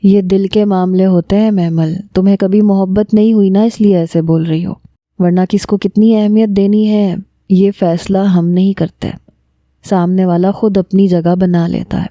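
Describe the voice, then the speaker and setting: Young woman gushing about love on a call, woman narrator doing her, soft mellow tone. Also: mid-range voice, fairly even intonation, no echo, dull audio, lightly acted. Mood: smiling. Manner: smiling, candid. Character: lovestruck young woman, emotional.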